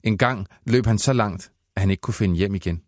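A man narrating a children's audiobook in a playful, expressive way. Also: fairly low pitch, no room sound, studio quality.

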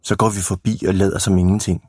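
A man's voice: low voice, little pitch movement, a little mellow, husky, no room sound, clean studio sound. A man reading a storybook aloud who voices a mischievous young boy in a raised, eager tone.

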